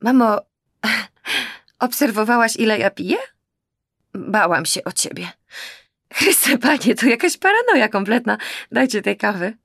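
A woman's voice: a little high, lively intonation, a little slow, long pauses, a bit bright, dry recording, studio quality, voice pushed up, exaggerated voice. A woman voicing an agitated, exasperated young woman in an audiobook, pleading and raising her voice. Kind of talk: audiobook character voice.

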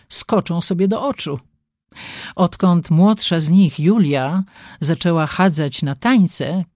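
Expressive, dramatic audiobook narrator. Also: mid-range voice, no room sound, clean studio sound. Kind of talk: scripted narration.

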